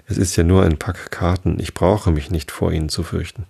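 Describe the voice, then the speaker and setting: A man reading the lines of a polite but bold young girl in a storybook, in his own low voice. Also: steady tone, normal speed, creaky, mellow, husky, full character voice. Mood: firm. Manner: polite, firm.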